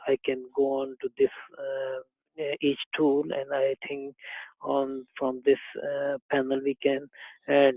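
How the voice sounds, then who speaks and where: A man presents off the cuff, hesitating and filling every gap with "uh" and "you know." His pitch stays flat and even. The call audio is thin and phone-like, and dry with no room sound. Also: no echo. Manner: hesitant, many fillers. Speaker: conference speaker. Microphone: video call.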